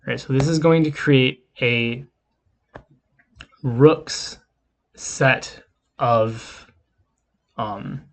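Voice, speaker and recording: Very slowly, with long pauses, a male lecturer talks through a screen-recorded coding lesson in a relaxed, explanatory manner. His voice is middle-pitched, and the sound of him typing code is audible in the background.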